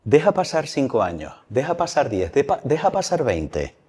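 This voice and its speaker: A man's voice: medium pitch, very animated, moderate pace, a little mellow, slightly rough. Man giving a religious talk, reverberant. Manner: colloquial, humorous storytelling. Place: crypt. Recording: long hall reverb.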